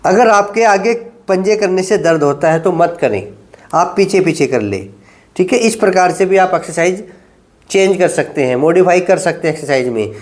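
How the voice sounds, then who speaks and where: High-voiced male yoga teacher. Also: expressive. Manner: directive, repeats "ठीक है" often, counts slowly during holds. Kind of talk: exercise instruction with counting.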